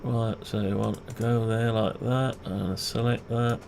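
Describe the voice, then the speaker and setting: Fairly low-pitched with vocal fry, a man speaks at a measured pace while demonstrating design work, muttering and second-guessing himself aloud. He's an unscripted video creator showing CAD design, with steady background noise and typing in the recording.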